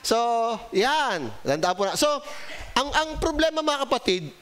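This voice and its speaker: A man's voice: very high-pitched, big pitch swings, a little slow, fairly bright tone, slight background noise, low-quality recording. A man with a Filipino accent preaching an interactive Sunday sermon, calling on members by name and joking with them. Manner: calls on congregation members by name, jokes, asks questions; polite Tagalog with frequent po and ho. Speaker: pastor.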